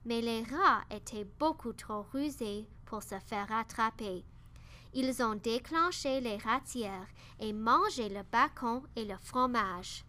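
Woman reading a kids book out loud, real slow and careful, kinda high voice. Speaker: narrator. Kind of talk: reading a children's story aloud.

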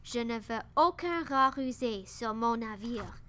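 A woman's voice: fairly high pitch, animated, slow pace, sharp tone, exaggerated voice. A woman voicing a bossy, angry male ship captain in a storybook reading, barking orders. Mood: commanding.

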